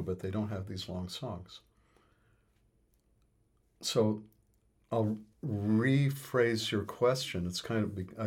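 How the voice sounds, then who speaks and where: Husky low-voiced man, hesitant and musing. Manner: hesitant, many fillers and restarts. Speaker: interviewee on music. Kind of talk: thoughtful conversational explanation.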